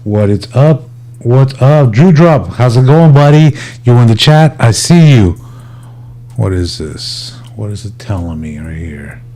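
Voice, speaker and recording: Unhurried and animated, a livestream host with a warm, medium-pitched voice talks informally to his audience, treating them like buddies in a laid-back chat.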